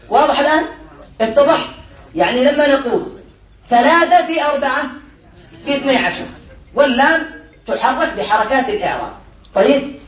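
A man's voice: very high voice, far from the mic. A man teaching a classroom lesson as a sheikh. He quizzes his students, repeats the answers, and chuckles often. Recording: echoey room.

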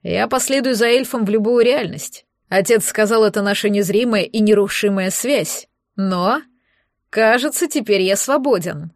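A woman voicing a blunt, grumbling male werewolf warrior in an audiobook, speaking forcefully. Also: high-pitched, normal speed, no echo, clean studio sound.

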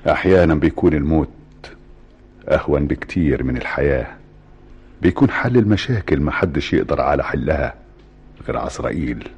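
Cold, bitter middle-aged Egyptian father, very deep and husky, brisk delivery, radio drama. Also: expressive, a little mellow, muffled recording, heavily acted. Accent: Egyptian Arabic.

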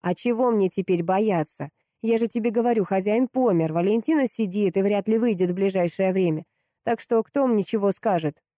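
A woman reading an audiobook, voicing a flustered, tipsy housekeeper who babbles in a shrill voice. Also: moderate pace, warm tone, no echo, studio quality, lightly acted. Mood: defiant.

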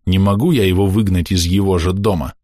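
A man playing a burly peasant father who is gruff but mild and tired. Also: sits low, steady tone, brisk, dark tone, no echo, studio quality. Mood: weary.

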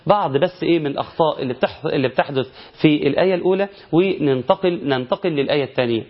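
A man with an Egyptian accent teaching Quran recitation, explaining common mistakes and chanting the verses slowly to show them. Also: fairly high pitch. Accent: Egyptian Arabic. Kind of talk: recitation lesson. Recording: dull lo-fi recording.

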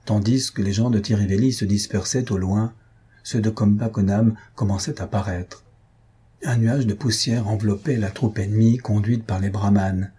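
A man reading a French short story aloud as narrator, measured and dramatic, lifting his voice for the characters' shouts. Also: lowish voice, steady tone, breathy edge. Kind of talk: scripted audiobook reading.

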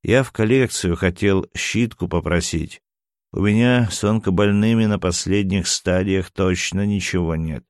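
A sly, mocking cynic with a low, deep voice, read by a man. The delivery is dry and close, storybook style. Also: moderate pace, clean tone, dry recording. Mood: teasing. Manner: sly, teasing.

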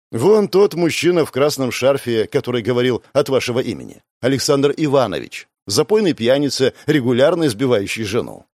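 A man's voice: mid-range voice, darkish tone, dry recording, clean studio sound, lightly acted. A man voicing a cool, ruthless woman first mate who addresses a crowd firmly.

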